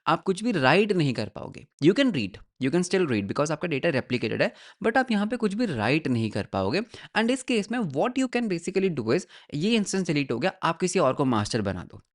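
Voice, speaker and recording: A man's voice: fairly high pitch, very animated, moderate pace, few pauses. A man teaching a tech tutorial in a mix of Hindi and English, often checking in with "right?" and repeating phrases as he points through a diagram. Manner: explains in Hindi mixed with English terms, checks in with "right?" and "ठीक है?". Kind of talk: screen-recorded tech tutorial.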